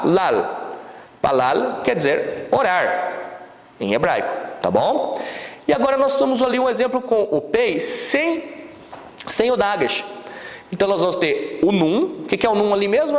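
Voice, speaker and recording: Lively high-voiced Brazilian teacher, echoey. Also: male voice. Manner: patient, repetitive, checks in often with tag questions. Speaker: Hebrew teacher. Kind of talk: online language lesson. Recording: echoey room with long reverb.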